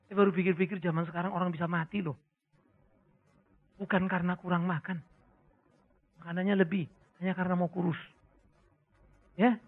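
A man preaching a sermon with an Indonesian accent, lively and joking, breaking into sudden loud bursts. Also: fairly high pitch. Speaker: pastor. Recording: tinny phone-like sound.

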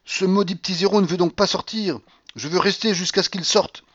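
Man doing a raised-pitch old grandmother, imperious, commanding, dull lo-fi sound, storybook reading. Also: fairly quick, husky. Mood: commanding, feverish. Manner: shrill, commanding, impatient.

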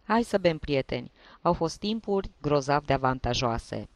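A man's voice: fairly high pitch, animated, dry recording. A man voicing a tipsy old male journalist with a reedy tenor voice, giving rambling, sentimental toasts. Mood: nostalgic.

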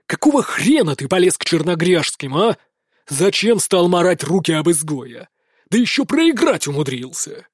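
A man's voice: high voice, very animated, moderate pace, slightly rough, no echo, clean studio sound, heavily acted. A man voicing a stern, domineering middle-aged prince scolding his son, harsh and barking. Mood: mocking.

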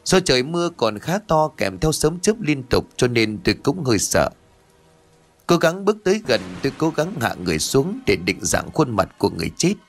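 A male storyteller reads a ghost tale in a formal, dramatic manner. His voice sits at a middle pitch but moves through a wide, lively range. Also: brisk, soft background music. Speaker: audiobook narrator.

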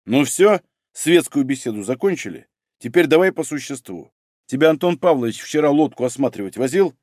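A curt, commanding police investigator from an audiobook, read by a man. He barks orders plainly, with a lively rise and fall in his voice. The sound is close and dry. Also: mid-range voice, a little fast, no echo, close to an everyday voice. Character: gruff blunt male police investigator.

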